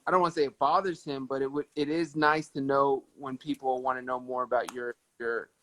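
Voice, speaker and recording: A man in his thirties hosting a casual livestream chat with a fan, warm and often repeating words as he thinks. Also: medium pitch, fairly even intonation, a little fast, poor audio. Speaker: livestream host. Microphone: phone on a live video stream.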